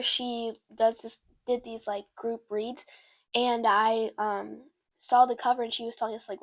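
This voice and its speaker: With a fairly high-pitched voice and no echo in the recording, a woman who creates book content talks casually to her viewers. She's a bit sick and rambles, filling gaps and starting sentences over.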